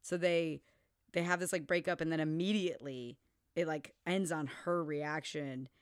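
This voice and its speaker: A woman's voice: low-pitched, steady tone, moderate pace, clear, resonant tone, no room sound, studio quality. A woman chatting casually as a co-host in valley girl style, filling her sentences with "like". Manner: valley girl talk, frequent "like". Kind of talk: casual chat about film and TV.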